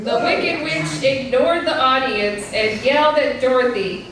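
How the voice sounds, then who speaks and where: Woman narrator for an amateur play, high voice, slow reading, distant echoey room with noise. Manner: prompts performers between lines. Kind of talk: reading a story aloud to an audience. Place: performance room. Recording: echoey room from far off, noisy.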